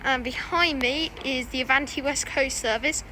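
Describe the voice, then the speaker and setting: A woman with a high voice gives informal running commentary as a trainspotter. She is recorded outdoors on a railway platform, with clear background noise of trains around her. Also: moderate pace. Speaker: trainspotting vlogger.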